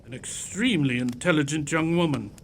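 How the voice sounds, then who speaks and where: A man's voice: fairly high pitch, brisk, slight background noise, lightly acted. A man playing a genial older doctor and loyal companion who tells old stories in a polite, old-fashioned radio-play manner. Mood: genial, reminiscing. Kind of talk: radio-play acting and storytelling.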